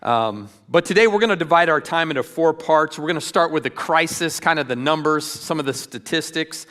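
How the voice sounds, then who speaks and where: A man's voice: a little high, fairly quick, a bit bright. A middle-aged man giving an earnest church training talk, telling stories with frequent ums and restarts. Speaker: ministry speaker.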